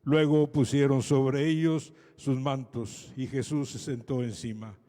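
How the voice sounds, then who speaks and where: A priest solemnly proclaims the Gospel at a Palm Sunday Mass in a large cathedral, his medium-pitched, steady, dark voice moving a little slowly. Cathedral echo and long hall reverb carry his reading.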